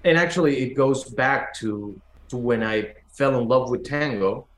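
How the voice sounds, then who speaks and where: This Argentine musician, a pianist and teacher who grew up in Buenos Aires and speaks Spanish natively, has a mid-range voice and an Argentine accent. As an interview guest he tells stories in conversational answers, pausing haltingly and repeating words while hunting for the right phrasing. Echo from the room is noticeable.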